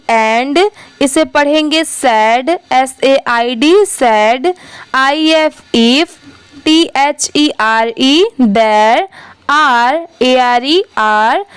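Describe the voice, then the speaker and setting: A woman's voice: high voice, clean tone, no room sound. A woman teaching English reading, spelling each word out letter by letter, blending the parts, and putting questions to the viewer. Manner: spells words letter by letter, then blends them; asks rhetorical questions to the viewer. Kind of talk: slow spelling-out lesson.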